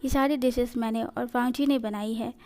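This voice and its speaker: A woman voicing a bold, confident young man who speaks smoothly, in a storybook reading. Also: fairly high pitch, fairly even intonation, brisk, darkish tone, close to an everyday voice.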